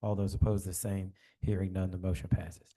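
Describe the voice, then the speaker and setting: A man's voice: low voice, level tone, brisk, mellow. A man, the mayor, chairing a city commission meeting in formal procedural phrasing with a bit of joking. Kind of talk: presiding over a commission meeting.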